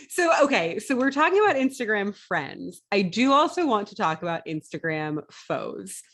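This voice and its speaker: A woman hosting an interview podcast, enthusiastic and quick to laugh in casual chat. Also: medium pitch, very animated, a bit bright. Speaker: podcast host.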